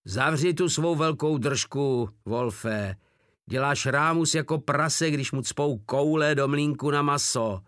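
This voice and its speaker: A man's voice: mid-range voice, expressive, a bit bright, no echo, studio quality, natural voice. A man voicing a sly, wisecracking male soldier who talks down to his rival in a mocking, mock-fatherly tone. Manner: condescending, mock-fatherly teasing.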